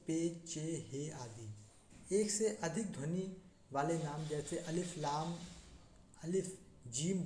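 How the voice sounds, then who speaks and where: A teacher giving a slow classroom lesson, repeating points and checking in as they explain. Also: mid-range voice, warm tone. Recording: echoey room with faint noise.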